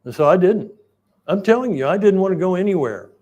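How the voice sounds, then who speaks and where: A man, preaching a sermon in a folksy, rambling storytelling way and clearing his throat now and then. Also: high-pitched, animated, a little fast, darkish tone. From Oklahoma, United States. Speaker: pastor.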